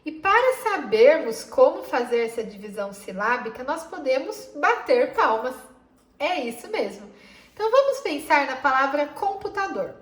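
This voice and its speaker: Patient Brazilian teacher, high voice, echoey. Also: female voice, big pitch swings. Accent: Brazilian Portuguese. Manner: patient, explains slowly, spells out words; affectionate toward pupils. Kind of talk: school lesson for children.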